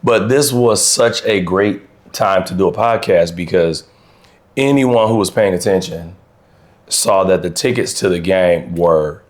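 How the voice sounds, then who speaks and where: Man, middle-aged, very low voice, hoarse, relaxed podcast co-host. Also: unhurried. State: hoarse from yelling. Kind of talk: casual chat. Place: on location, not in a studio.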